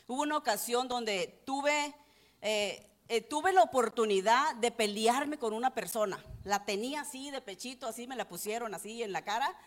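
Woman pastor, middle-aged, earnest confessional sermon, slightly high voice. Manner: earnest, confessional, rising and falling with emotion. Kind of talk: testimony sermon.

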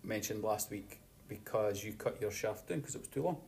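A man's voice: lowish voice, moderate pace, vocal fry, a little mellow, a little hiss or hum. A man with a Dundee Scottish accent hosting a podcast with casual chat and banter. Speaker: podcast host.

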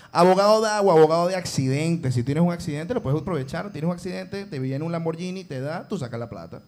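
A man's voice: on the high side, lively intonation, a little fast, a little mellow. A man co-hosting a casual talk show, joking crudely, teasing and swearing freely. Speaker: podcast co-host. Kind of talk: casual banter.

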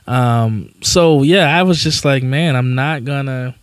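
A man of about thirty talks as a podcast guest, earnest and a little halting, reaching for words with frequent "um"s. His middle-pitched voice comes across dry and close, with no room sound. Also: clean tone, no echo. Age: 30s. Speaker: guest, coffee business owner. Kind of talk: casual interview chat.

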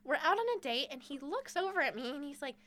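A young woman co-hosting a casual podcast chat, loud and animated, swearing freely. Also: sits high, fast talker. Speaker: podcast co-host.

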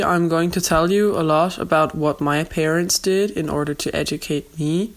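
A young adult woman hosting a podcast, speaking in an earnest, steady and explanatory way, recorded with makeshift low-quality equipment. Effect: low-quality makeshift recording without proper equipment. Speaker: podcast host. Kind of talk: podcast monologue, personal advice.

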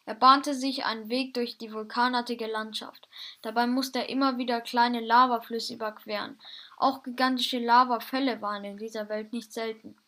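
A woman reading a fantasy adventure story aloud in a plain, steady way, with casual asides to listeners. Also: fairly high pitch.

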